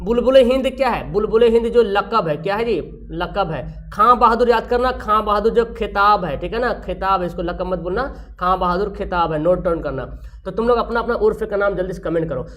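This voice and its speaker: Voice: mid-range voice, brisk, a bit bright. Tutor teaching live online. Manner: asks questions and answers them, repeats key terms; reads viewers' names from the live chat with praise. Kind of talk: live online grammar class.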